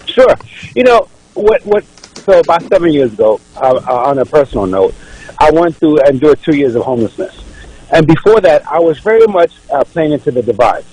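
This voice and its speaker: A man's voice: on the high side, big pitch swings, fairly quick, darkish tone, breathy edge, rough recording. A man from Ethiopia, a political candidate guesting on a radio show, making his case earnestly and often repeating words as he restarts. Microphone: radio studio microphone.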